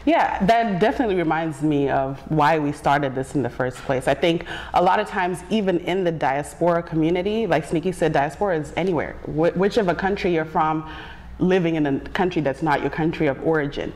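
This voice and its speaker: Woman, talk show co-host, somewhat low pitch, animated, lapel mic. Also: fairly quick. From Zimbabwe. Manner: animated, laughs often. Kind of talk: casual chat. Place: bright living-room studio set.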